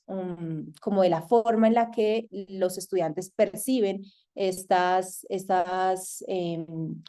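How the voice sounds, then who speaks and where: Colombian woman lecturer, soft mellow tone, measured and hesitant delivery, frequent pauses. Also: medium pitch. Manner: thoughtful, hesitant with frequent fillers. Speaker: masterclass lecturer. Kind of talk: online lecture.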